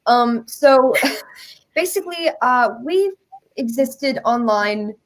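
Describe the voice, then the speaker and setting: A young adult woman, a musical writer appearing as an interview guest, tells a story casually and acts out small bits of dialogue. Her high voice is expressive and slow-paced, though the recording quality is low.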